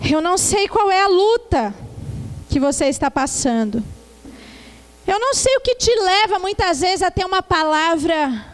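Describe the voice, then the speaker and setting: A woman pastor preaching a sermon, telling her testimony with lively tag questions and calling the congregation to answer back. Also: sits high. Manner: calls for congregational response. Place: church.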